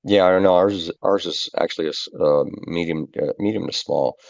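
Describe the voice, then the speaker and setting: Gravelly low man, headset mic cutting out. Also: brisk, a little mellow, dry recording. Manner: blunt, offhand, swears freely. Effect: mic cutting out, volume dropping in and out. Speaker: livestream co-host. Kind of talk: casual chat. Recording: muffled headset mic that cuts out.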